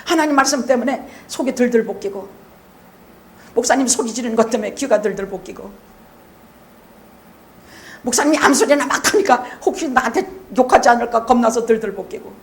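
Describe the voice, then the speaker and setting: A woman with a fairly high voice preaches in a church sanctuary. Her delivery is blunt and colloquial, teasing the congregation. She drops to quiet asides, then bursts into loud shouted emphasis. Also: a little fast, long pauses. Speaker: pastor. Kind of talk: sermon.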